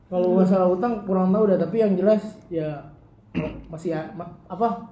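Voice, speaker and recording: Casual male chatter, high-pitched, Jakarta accent and slang, roomy echo. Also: moderate pace, muffled recording. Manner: slangy Jakarta colloquial speech with casual swearing. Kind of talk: casual group chat. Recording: echoey room.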